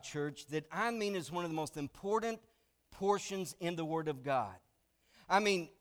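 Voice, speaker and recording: A male pastor preaching a sermon, telling jokes and teaching with frequent "I mean" asides. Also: high voice. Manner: animated storytelling with frequent "I mean".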